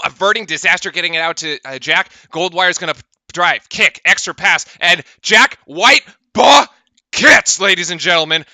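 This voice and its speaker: A man in his late twenties, co-hosting a fan show and calling game highlights play-by-play, swinging from chatty recap to shouted disbelief. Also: no echo, studio quality. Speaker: podcast co-host.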